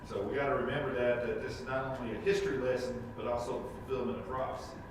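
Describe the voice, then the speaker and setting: A man's voice: mid-range voice, level tone, fast. A man teaching a casual Sunday school Bible lesson, rambling with many fillers and restarts. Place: church classroom. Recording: echoey room from a distant mic, noisy.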